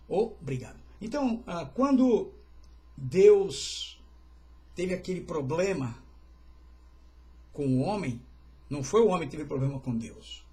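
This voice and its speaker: A man's voice: fairly high pitch, a little mellow. A man, a pastor, teaching an informal livestreamed Bible study in a chatty way, with joking asides and greetings to viewers.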